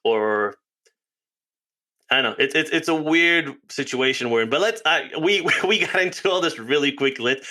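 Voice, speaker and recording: Man, podcast host, bright tone, casual halting chat. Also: fairly high pitch, expressive. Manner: loose, hesitant, repeats words.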